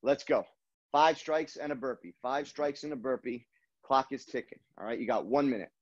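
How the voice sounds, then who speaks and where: A man's voice: mid-range voice, moderate pace. A man in his thirties coaching a kickboxing class, calling out boxing combos and counts in short clipped commands with encouragement. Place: apartment living room, indoors. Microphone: video call, standing back from laptop. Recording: dull lo-fi video-call audio.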